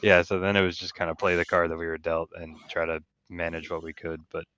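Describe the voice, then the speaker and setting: A man speaking as a sim racing driver after the race, relaxed and matter-of-fact, on dull lo-fi audio. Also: low voice, fast, clear, resonant tone, dry recording. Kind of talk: post-race interview.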